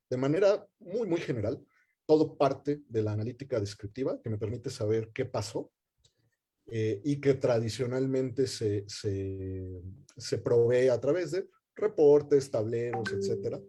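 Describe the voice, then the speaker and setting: A man explains data analytics in a long, thoughtful ramble. His voice is mellow and dark, and he often stops on fillers and restarts his sentences. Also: mid-range voice. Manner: hesitant, many fillers and restarts. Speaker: guest data scientist. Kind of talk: explanatory webinar talk.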